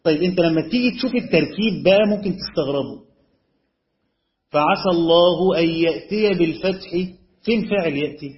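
A man's voice: a little high, fast talker. A man with an Egyptian Arabic accent teaching as a sheikh, explaining a text step by step and often checking whether his students follow. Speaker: sheikh teaching Quran commentary. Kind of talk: classroom lecture on a text. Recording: echoey room, dull lo-fi sound.

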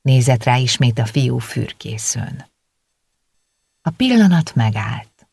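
An audiobook narrator telling a novel in a calm, steady way. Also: mid-range voice, vocal fry, husky, no room sound. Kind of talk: scripted narration. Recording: dry close recording.

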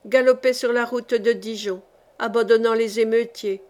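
A woman narrating a historical novel as an audiobook, in a measured, dramatic reading. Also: on the high side, steady tone, darkish tone.

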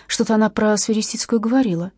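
A woman's voice: mid-range voice, fast, a little mellow, husky, no echo, clean studio sound, voice pushed up, close to an everyday voice. A woman voicing a chatty, gossipy female beautician in an audiobook. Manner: eager, gossipy.

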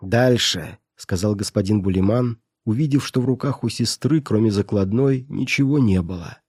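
A man narrating a classic story at a steady, measured pace. His voice is dark and warm, with a dry, close sound and no room around it. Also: lowish voice, husky, no echo. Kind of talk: reading a classic story aloud.

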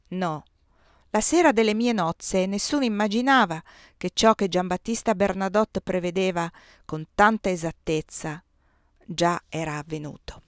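A woman narrating a novel as an audiobook reader, with expressive, varied storytelling. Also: mid-range voice, no echo, clean studio sound.

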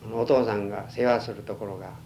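Casting: elderly man, western Japanese accent, halting reminiscence, plain-spoken, noisy humming archival tape. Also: lowish voice, fairly even intonation, darkish tone, muffled recording. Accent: western Japanese, Chugoku. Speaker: oral history interviewee. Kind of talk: reminiscing in an interview.

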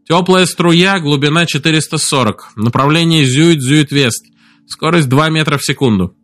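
A man reading a calm male submarine pilot who gives terse, commanding orders. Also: fairly high pitch, normal speed, close to an everyday voice. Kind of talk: audiobook character reading.

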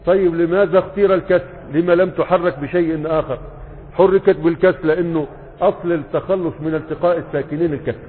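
A man's voice: fairly high pitch, fairly even intonation, fast. A man with an Egyptian Arabic accent teaching a grammar lesson as a sheikh. He asks questions and answers them himself, and he stretches out the example words. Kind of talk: classroom lesson. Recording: phone-like sound with long reverb.

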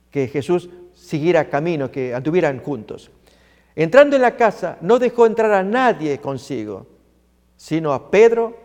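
Male preacher, high lively voice, emphatic repeats, long hall reverb. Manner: emphatic, repeats phrases, addresses listeners as friends. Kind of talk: sermon.

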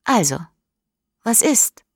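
A woman reading a storybook, voicing a playful teenage boy in a soft, low-key, teasing way. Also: slow, no room sound, studio quality, natural voice.

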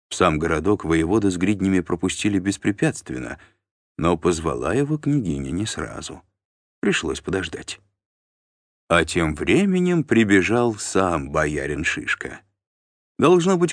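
A deep-voiced man reads an audiobook with expressive storytelling, his intonation rising and falling widely. The recording is close and dry. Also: no echo. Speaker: audiobook narrator. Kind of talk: scripted audiobook narration.

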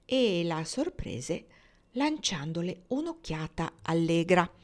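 Calm woman reading a novel aloud. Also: lowish voice, takes it slowly. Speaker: audiobook reader.

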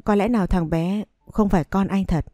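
A woman narrating a scripted dramatic family story in an even, steady reading. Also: mid-range voice, fairly quick, dry recording. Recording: dry close recording, faint background music.

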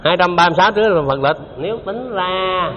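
A Buddhist teacher gives a dharma talk in a high-pitched, expressive voice, speaking fast. He's conversational, repeats himself, and quizzes his audience. The hall recording is dull and lo-fi with faint noise.

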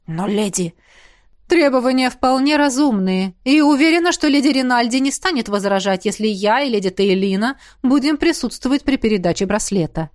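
A woman voicing a weary young apprentice who speaks in a tired, measured way. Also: on the high side, animated, dry recording, studio quality, lightly acted.

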